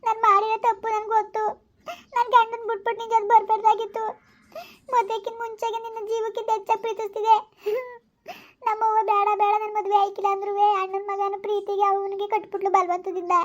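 Woman playing Sushila, a very high, sobbing village wife. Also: completely flat delivery, fast. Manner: wailing, lamenting in sobs. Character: tearful pregnant village wife, regretful. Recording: slightly dull lo-fi recording.

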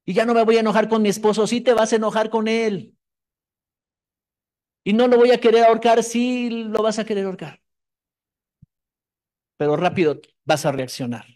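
Man preaching an emphatic sermon, high voice. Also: a little mellow. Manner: emphatic, repeats phrases for emphasis, shifts from fast asides to slow stressed words. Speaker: pastor.

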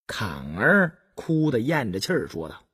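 A man telling a historical story for an audiobook, his voice husky and breathy. He takes it slow and lets the pitch swing widely, very expressive. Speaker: audiobook narrator. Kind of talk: storytelling narration.

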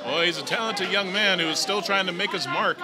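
A man doing excited play-by-play as a lucha libre announcer, calling moves and exclaiming. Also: high-pitched, fairly quick. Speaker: lucha libre match commentator. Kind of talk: excited play-by-play wrestling commentary. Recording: noisy hall recording with loud crowd. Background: loud wrestling crowd.

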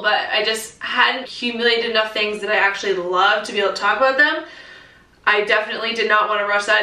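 A woman's voice: medium pitch, pushed and bright. A young woman vlogger chatting casually about her clothes, with lots of "like" and "um", recorded in a half-empty room that echoes. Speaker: fashion vlogger. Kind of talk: casual haul chat. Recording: echoey bare room, voice far from mic.

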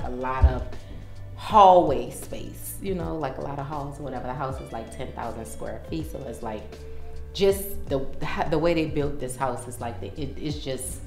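A woman, chatting loosely with lots of fillers while walking through her house. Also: deep voice. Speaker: home vlogger. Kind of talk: casual home tour. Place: large house hallways, indoors. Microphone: handheld camera following her. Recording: echoey hallways, faint music.

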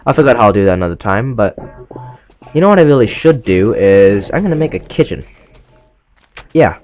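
A teenage boy with a fairly low male voice, stuffed up from a cold, rambles through casual let's-play commentary, apologizing and poking fun at himself as he plays. He sounds very animated and brisk. Faint game music plays beneath the lo-fi recording.

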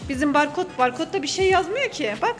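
A woman's voice: high voice, animated, fast talker, in a large hall, soft background music. A woman hosting a family vlog skit, teasing and coaxing a child in a bossy, playful way. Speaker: vlog host playing a mother.

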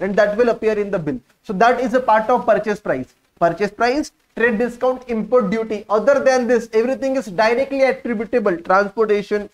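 A man with a distinctly high-pitched voice and a North Indian accent teaches exam technique. He speaks English as a native Hindi speaker, mixing in Hindi words. His delivery is instructive, with key phrases repeated and questions he puts to himself. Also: rough recording. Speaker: accountancy teacher. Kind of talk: lively classroom exam coaching, working through problems.

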